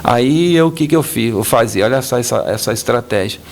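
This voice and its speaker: A man's voice: medium pitch, fairly quick. A man from Brazil, a business owner guest on an interview podcast, telling stories animatedly and acting out the voices of the people in them. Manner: animated storyteller, acts out quoted voices. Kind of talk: storytelling interview.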